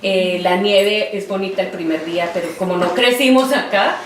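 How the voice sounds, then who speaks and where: In an oral history interview, a Colombian artist in her forties recalls her life reflectively, in a medium-pitched voice with a Colombian Spanish accent. Her speech is halting, with frequent pauses on fillers. She is heard from a distance in a roomy space, with a faint hiss in the background.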